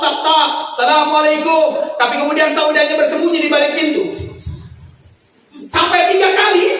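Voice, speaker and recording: A man's voice: extremely high pitch, a bit bright, slight background noise. A man preaching a humorous sermon in a mosque, teasing the crowd and acting out quoted voices. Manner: joking, teasing the audience, acts out quoted voices. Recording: echoey hall, mic far off.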